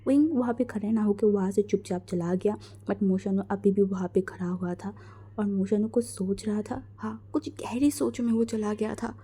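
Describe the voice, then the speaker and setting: A woman's voice: mid-range voice, fairly even intonation, normal speed, dark tone, slightly rough. A woman narrating a fan fiction story in a casual, chatty way, full of fillers and restarts.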